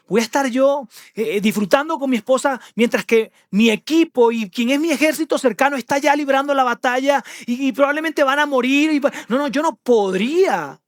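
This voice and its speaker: A man's voice: very high voice, fairly quick, few pauses, no echo, clean studio sound, pitched above the performer's own voice. A man doing an earnest loyal soldier. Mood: earnest protest. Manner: earnest, pleading protest. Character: loyal male soldier refusing the king.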